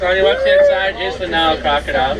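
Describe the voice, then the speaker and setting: Male safari guide, higher voice, jokey live commentary, heard from a distance over vehicle noise. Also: huge pitch swings, quick pace. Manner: joking, wry asides. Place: outdoors on a moving safari vehicle. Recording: distant, noisy crowded open vehicle.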